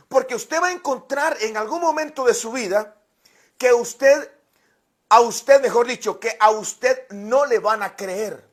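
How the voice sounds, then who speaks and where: Male pastor, very high voice, storytelling sermon, repeats himself, talks right to the congregation. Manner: repeats words, addresses listeners directly.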